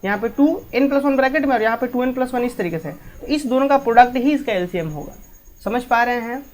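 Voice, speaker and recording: A woman's voice: a little high, animated, fairly quick, darkish tone. Lady teaching a math lesson, keeps asking the class questions, mixes in english math words. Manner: asks students many rhetorical questions; mixes English maths terms into Hindi. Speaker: maths teacher. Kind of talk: explaining a lesson step by step.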